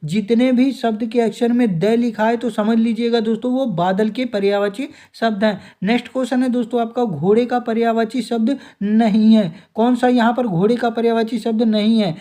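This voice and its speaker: Mellow-voiced man running exam quiz revision. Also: very high-pitched, steady tone, brisk, few pauses. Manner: calls the listener "दोस्तों" often, reads options then gives answer. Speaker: exam prep teacher.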